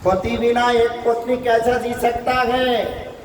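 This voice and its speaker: A man's voice: extremely high pitch, level tone, slow pace, slight background noise, voice pushed up. A man voicing the serpent king's wives as they plead for their husband's life, in a raised, imploring voice. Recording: echoey hall from far off.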